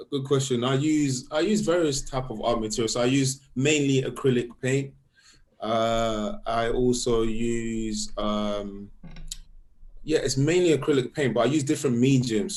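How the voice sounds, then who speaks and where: A young man from Sweden, a guest artist talking about his work in a casual interview, halting and repeating words as he explains. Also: medium pitch, a little mellow.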